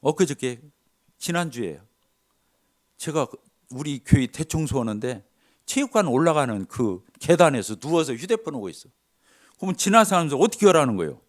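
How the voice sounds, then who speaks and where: A man's voice: fairly high pitch, fairly quick. A middle-aged male pastor tells stories from his church in a sermon and acts out the dialogue. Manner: animated, acts out dialogue with shifts of voice. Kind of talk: sermon storytelling.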